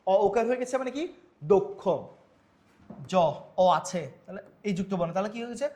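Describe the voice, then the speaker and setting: A man's voice: sits high, animated, moderate pace, dark tone. A male Bangla teacher lecturing on pronunciation rules, asking questions and answering them himself while repeating example words.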